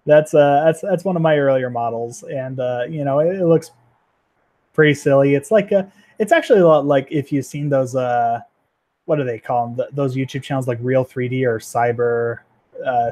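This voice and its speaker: A man's voice: mid-range voice, mellow. A man in his twenties, a 3D animator, chatting casually on a livestream in a rambling, self-deprecating way with many fillers and restarts. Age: 20s.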